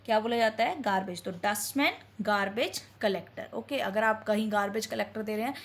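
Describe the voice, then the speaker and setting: A woman's voice: mid-range voice, brisk. A woman teaches her viewers, asking a question and then answering it herself, and calls them friends. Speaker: English teacher. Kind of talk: classroom-style teaching.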